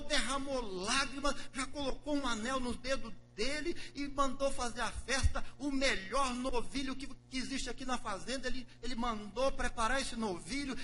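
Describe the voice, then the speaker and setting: An excited farm servant , played by a man, reporting eagerly in a raised, lively voice. The sermon recording carries a faint hum behind him. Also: high-pitched, pitched above the performer's own voice.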